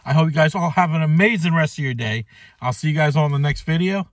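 A man's voice: fairly high pitch, fast talker, no room sound. A man in his thirties chatting casually to camera while eating in a mukbang vlog, recorded inside a car. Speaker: food vlogger. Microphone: phone or camera at arm's length.

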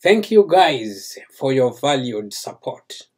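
A man's voice: medium pitch, big pitch swings, slow pace. An older man who grew up in Zambia, speaking to camera as the host of a cooking channel. He addresses his viewers in a courteous, formal way, seated in a small indoor room. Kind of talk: slow, formal talk to camera.

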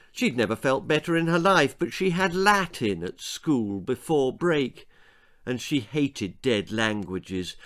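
Reading aloud from his children's story, a sixty-something man with a British accent hams it up, enjoying each grotesque bit. His mid-range voice carries a fairly bright tone, and he's indoors in a small room full of books.

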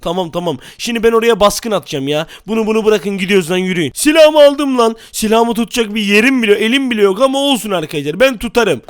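Loud exasperated man narrating a game role-play. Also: high-pitched, lively intonation, fast, hardly any pauses, clean tone, no room sound, clean studio sound. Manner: loud, exasperated, often shouting. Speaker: gaming YouTuber. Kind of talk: Minecraft role-play commentary.

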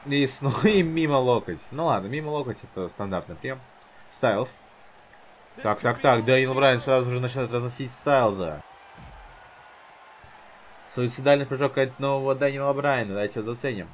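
A man's voice: mid-range voice, moderate pace, pauses often, slight background noise. A man commentating his own gameplay like a casual wrestling commentator, teasing and goading the wrestlers as he goes.

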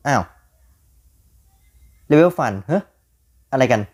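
A young man giving jumpy, excitable commentary on a horror game, often repeating words when startled. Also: medium pitch, takes it slowly, a little hiss or hum. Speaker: gaming YouTuber.

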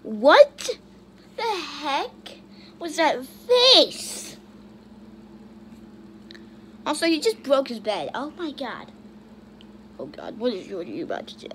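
A woman's voice: sits high, big pitch swings, slow pace, fairly bright tone, slight background noise. A young woman casually commenting on funny videos, bursting into shrieks and then muttering to herself. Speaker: YouTuber reacting to videos.

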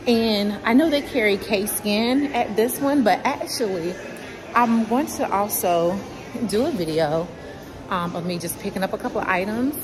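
A woman's voice: mid-range voice, unhurried, over music. A young woman chatting casually to her viewers in a vlog from a store, using informal slang. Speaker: vlogger. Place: store and mall, indoors.

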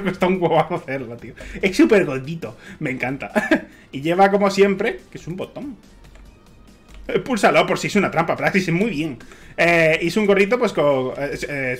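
Excitable streamer with lively pitch. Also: male voice. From Spain. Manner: excitable, swears often, laughs a lot. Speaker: Minecraft streamer. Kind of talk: casual gameplay stream commentary. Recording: music playing faintly behind.

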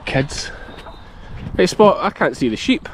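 Scottish farmer, higher-pitched broad-accented man. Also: very animated, takes it slowly, rough recording. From Scotland. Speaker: sheep farmer and vlogger. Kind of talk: casual outdoor vlog chat, talking to child and sheepdog. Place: outdoors in an open farm field. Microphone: action camera held at arm's length. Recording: outdoor field noise.

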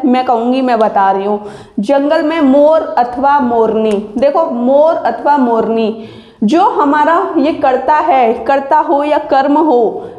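A woman teaching grammar in an exam-prep lesson, with a high voice that takes its time over each example sentence. Her explanations are patient and end with a quick check that students follow. The recording carries a noticeable room echo. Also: a little mellow, muffled recording.

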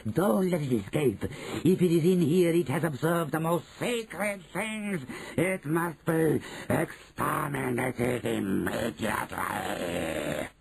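A storyteller voicing an imperious, venomous witch leader in a children's storybook, with drawn-out, screeching commands. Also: medium pitch, vocal fry, husky, voice pushed up, full character voice, poor audio. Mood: furious.

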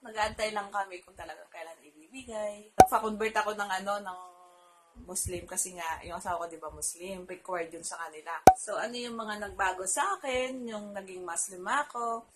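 A woman's voice: mid-range voice, brisk, heavy background noise. A Filipino woman vlogger telling a personal story to her viewers in a casual, chatty way, laughing often and trailing her phrases with fillers.

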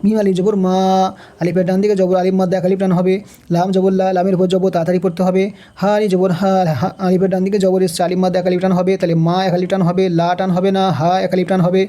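Spelling out each letter and vowel mark, a man with a Bangladeshi Bengali accent teaches Quran recitation step by step, then slowly chants the words at a higher pitch. His voice is dark in tone with little pitch movement.

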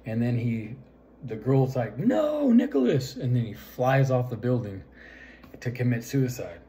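A man's voice: medium pitch, measured pace, mellow, a little hiss or hum. A man casually retelling a film's plot in a rambling way, full of fillers and "right?" asides. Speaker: vlogger.

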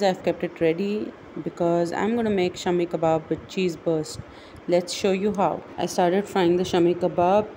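A woman walks through her recipe in steady, step-by-step narration. Her voice is low-pitched and mellow. Faint kitchen ambience sits under a phone recording. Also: a little hiss or hum. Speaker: cooking vlogger. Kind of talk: narrated cooking vlog. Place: home kitchen.

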